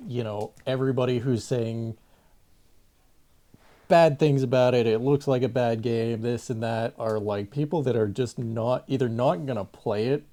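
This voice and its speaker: A man co-hosting a podcast, chatting casually in a hesitant, halting way and often repeating words. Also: medium pitch, warm tone. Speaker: podcast co-host. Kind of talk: casual chat.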